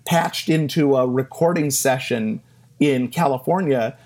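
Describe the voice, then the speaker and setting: Middle-aged male interview guest, mid-pitched, animated storyteller who acts out quotes and laughs at himself. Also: a little slow. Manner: animated anecdotes with self-deprecating laughs and acted-out quotes.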